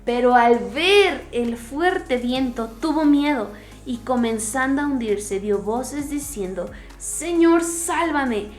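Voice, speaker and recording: A woman hosting a devotional podcast, teaching and retelling a Bible story in an earnest, emphatic way with pauses and restarts. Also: fairly high pitch. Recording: roomy echo with faint music.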